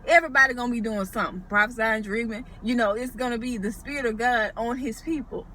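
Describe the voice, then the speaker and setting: A woman's voice: a little high, fast talker, bright, forceful tone, a little hiss or hum, low-quality recording. A woman giving a casual Bible teaching, thinking aloud and checking her notes. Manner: conversational, thinks aloud with restarts, refers to notes.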